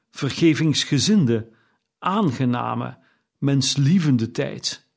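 Earnest young nephew, read by a male narrator, slow and heartfelt, mid pitch. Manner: earnest and pleading. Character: cheerful, warm-hearted young man, the nephew.

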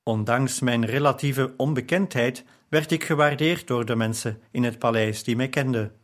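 A man reading a novel aloud in measured first-person narration. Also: medium pitch. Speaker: audiobook narrator.

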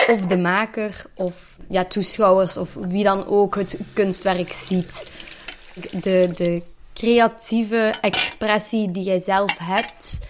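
A young woman from Limburg, a student answering interview questions in a relaxed, thoughtful way with many fillers. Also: medium pitch, noisy background. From Belgian Limburg. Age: 20s. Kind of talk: casual interview.

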